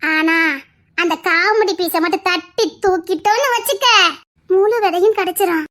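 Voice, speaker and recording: A shrill, childlike young woman. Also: normal speed, fairly bright tone. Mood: scheming. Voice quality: very high, girlish voice. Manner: swings between sly plotting and tearful pleading. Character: childlike, scheming young woman doting on her uncle. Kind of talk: TV serial acting.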